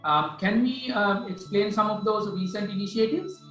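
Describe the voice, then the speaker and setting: A man with a fairly high voice hosts the interview, putting polite, formal questions with a few hesitant fillers. His voice rings in an echoey room over faint background music. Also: normal speed, a bit bright. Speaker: webinar host. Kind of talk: hosting an interview.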